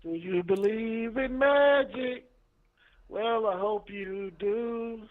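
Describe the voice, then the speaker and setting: A man calling in from prison over the phone, chatting in a relaxed, playful way. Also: high voice, slow pace. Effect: prison phone call. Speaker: caller. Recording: dull lo-fi phone line.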